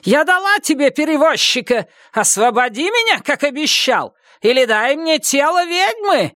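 Brief: treacherous old hag witch for an audiobook, shrill and high, hisses then shrieks, voiced by a man. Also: lively intonation, slow pace, no room sound, clean studio sound. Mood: shrieking. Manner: hissing, then shrieking upward.

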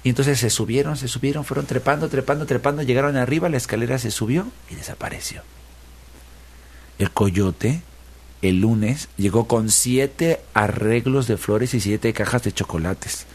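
A playful male storyteller spins a folk tale. He keeps it lively and builds a steady rhythm out of repeated phrases. His voice sits at an ordinary middle pitch. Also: moderate pace.

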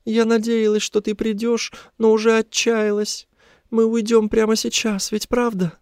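A man's voice: high-pitched, monotone, a little slow, a little mellow, clear, resonant tone, dry recording, studio quality, pitched above the performer's own voice. A man voicing a young, emotional and talkative woman held captive, in an audiobook. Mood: pleading. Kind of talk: audiobook character voice.

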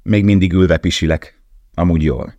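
A man's voice: sits low, steady tone, dark tone, no echo, dull audio. A man reading the part of a cheerful, wry young male prisoner in a storybook.

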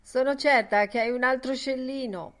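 A woman's voice: high-pitched, fairly even intonation, normal speed, fairly bright tone, pitched above the performer's own voice. A woman voicing a pushy teenage daughter. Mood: insistent. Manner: pleading, pressing. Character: teenage girl, insistent, persistent daughter.

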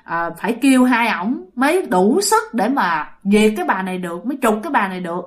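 Lady telling it as an old exorcist guy, lots of exclaiming, lively. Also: mid-range voice, a little fast, close to an everyday voice. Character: older male exorcist, stern but fretful.

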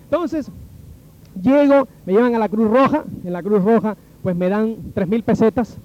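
A man's voice: high voice, moderate pace, muffled recording. A man from Cuba with a Cuban Spanish accent, telling a personal story and acting out the voices of the people in it. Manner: animated, acts out the dialogue of the people in his story.

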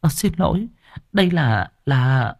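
A man's voice: a little high, lively intonation, measured pace, gravelly, husky, no room sound, clean studio sound, voice pushed up, exaggerated voice. A man voicing an anxious middle-aged mother, choked and stammering, in an audiobook. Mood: hesitant.

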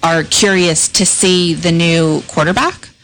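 A woman's voice: on the low side, measured pace, a bit bright, a little hiss or hum, poor audio. A woman from the Northeast US, chatting on local radio in an upbeat, promotional way about base events. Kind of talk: casual radio chat.

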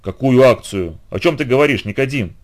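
A man's voice: medium pitch, animated, fairly quick, close to an everyday voice. A man voicing a worried old grandfather with a trembling, pleading voice in an audiobook. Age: older.

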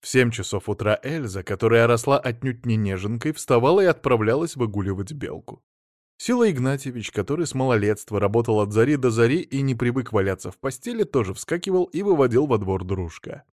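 A man reading a humorous story aloud in a wry, expressive way. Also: medium pitch, brisk, dry recording, clean studio sound. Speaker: audiobook reader.

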